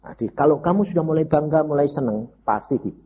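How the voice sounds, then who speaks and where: A man's voice: on the high side, fast talker, slightly rough. An older man giving a testimony sermon, talking straight to the congregation and slipping in words. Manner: animated, addresses congregation as brothers and sisters, mixes in Javanese words. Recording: dull lo-fi recording.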